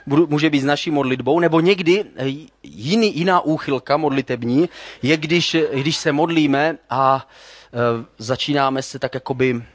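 A man giving a sermon in a relaxed, conversational way, with humor and acted-out example prayers. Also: on the high side, dry recording. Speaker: preacher.

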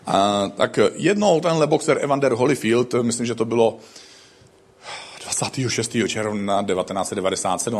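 A man preaching a sermon, telling stories with acted-out quotes. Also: on the low side. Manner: animated storytelling with acted quotes.

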